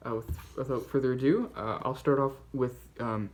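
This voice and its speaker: A Canadian man hosts a relaxed book channel, chatting through his finds. His voice sits at an ordinary middle pitch, and his delivery is halting and rambling, full of small restarts. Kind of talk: casual book-haul vlog.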